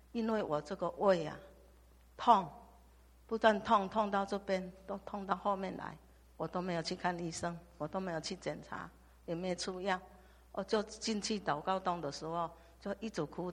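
An older woman from Taiwan, giving a halting church testimony full of restarts and repetitions. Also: lowish voice, fairly bright tone. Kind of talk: personal testimony. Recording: long hall reverb.

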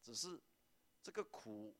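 A male pastor delivers a lively sermon. He keeps calling on the congregation to answer him and slips English words into his speech. His voice sits at an ordinary pitch. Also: takes it slowly.

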